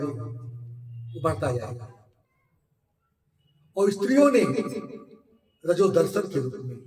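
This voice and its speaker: High-voiced man telling a sacred story. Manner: dramatic storytelling, swells loud then drops soft. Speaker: devotional storyteller. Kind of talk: scriptural story sermon. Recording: echoey hall, mic far off, faint music.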